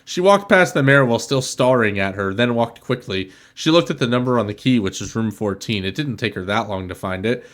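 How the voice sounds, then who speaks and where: A man's voice: medium pitch, animated, fairly quick, few pauses, a bit bright. Man sarcastically reading fan fiction aloud. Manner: sardonic asides, laughing interruptions. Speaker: podcast host.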